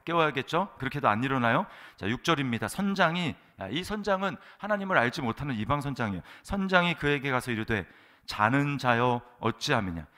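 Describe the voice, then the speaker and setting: Bright-voiced Korean pastor preaching emphatically. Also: male voice, medium pitch, sing-song, fast talker, hardly any pauses. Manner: emphatic preaching with rhetorical questions and frequent "예". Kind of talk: sermon. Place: church.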